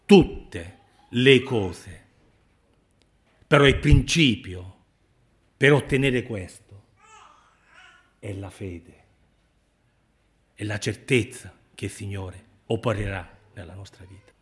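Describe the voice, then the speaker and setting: A man preaching a sermon, slow and emphatic, sinking to near-whispers and then rising loud on repeated phrases. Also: on the low side.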